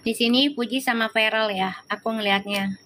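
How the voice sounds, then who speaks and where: A woman's voice: a little high, fairly even intonation, a little fast, bright, forceful tone, slight background noise. A woman hosting a live tarot reading, chatting and teasing her viewers as she reads their comments. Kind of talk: casual live-stream tarot reading and chat.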